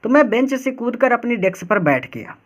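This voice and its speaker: A man's voice: extremely high pitch, big pitch swings, moderate pace. A male teacher giving a lesson, reading English lines and explaining them patiently in Hindi, repeating each point. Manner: patient and repetitive. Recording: dull, lo-fi recording.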